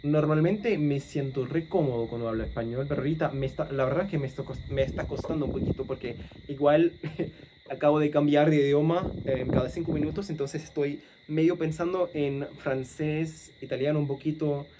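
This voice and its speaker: An English man who runs a language-learning vlog talks casually to camera in Spanish with an Argentine lean, his English accent showing through. His voice is fairly high and brisk as he thinks aloud, full of fillers and self-corrections, against a noisy background.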